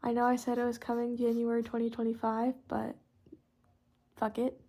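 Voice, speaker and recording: Coloring as she talks, a teenage podcast host from Texas, United States, rambles informally with youthful casualness; the scratch of pencil and marker on paper is heard. Her fairly high, mellow voice is completely flat in delivery and moves at a normal speed.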